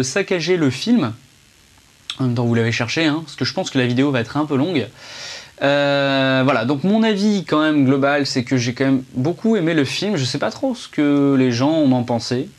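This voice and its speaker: Chatty French man reviewing a film. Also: a little high. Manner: chatty, hesitant, many fillers and restarts. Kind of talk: casual video review.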